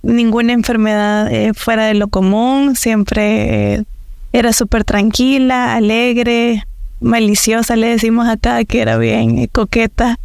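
A woman's voice: fairly high pitch, flat delivery, a little slow, creaky, a little mellow, dry recording, clean studio sound. A young Salvadoran woman with a Salvadoran accent, speaking as a guest and telling her story with many hesitations and fillers. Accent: Salvadoran Spanish. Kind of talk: interview testimony.

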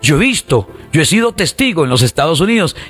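A man's voice: a little high, very animated, fast talker, a bit bright, breathy edge. A man with a Costa Rican accent preaching an online sermon, fervently repeating phrases and calling on listeners to respond. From Costa Rica. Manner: fervent, repetitive calls to the congregation.

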